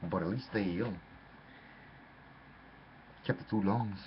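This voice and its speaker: With a lowish voice and a measured pace, a man delivers a long-winded, theatrical story, calling his listener "lad," captured in dull lo-fi audio with faint noise.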